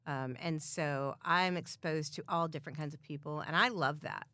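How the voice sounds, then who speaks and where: A middle-aged American woman talks casually as a podcast guest, her voice on the low side. She laughs easily and fills pauses with "um" and "like". The recording is close and dry. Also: bright, forceful tone, no echo. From United States. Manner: chatty, laughs often, many fillers. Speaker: podcast guest, expat group admin. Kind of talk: casual chat.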